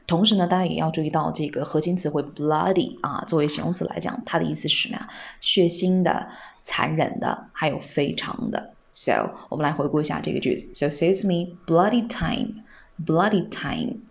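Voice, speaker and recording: A woman teaching English on a podcast, speaking patiently and asking her listeners rhetorical questions as she repeats phrases slowly. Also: low-pitched, steady tone, gravelly.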